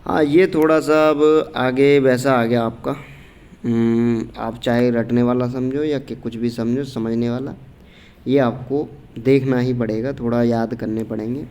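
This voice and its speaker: A man's voice: mid-range voice, steady tone, measured pace, a little mellow, clear, resonant tone. A man teaching a casual exam-prep grammar lesson, talking informally to students, going through answer options and checking often that they follow. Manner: informal, repeats "theek hai" often, reads out answer options.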